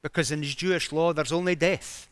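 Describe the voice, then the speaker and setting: A man's voice: on the high side, steady tone, a little fast, fairly bright tone, smooth, no echo. A man preaching a sermon, retelling a story dramatically with emphatic rises in his voice.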